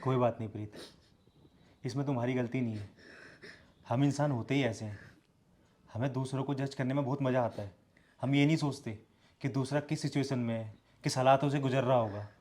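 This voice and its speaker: A man acting a gentle husband in a short drama who reassures his upset wife. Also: medium pitch, fairly even intonation, brisk, pauses often, natural voice. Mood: consoling. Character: calm, kindly husband consoling his wife.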